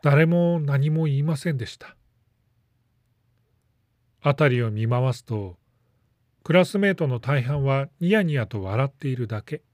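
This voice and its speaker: A man narrates a story in a calm, measured reading voice that sits at an ordinary middle pitch. The sound is dry and close, with no room around it. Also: no echo. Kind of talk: scripted narration.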